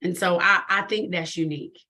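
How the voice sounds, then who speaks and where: A woman being coached, talking in a thoughtful, affirming way with soft murmured agreement. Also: lowish voice, fairly even intonation, fairly quick. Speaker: coaching client. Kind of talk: coaching session.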